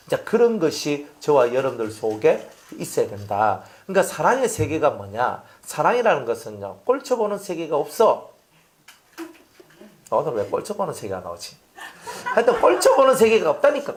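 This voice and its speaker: A pastor preaching a sermon, chatty and animated, asking his congregation rhetorical questions. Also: medium pitch.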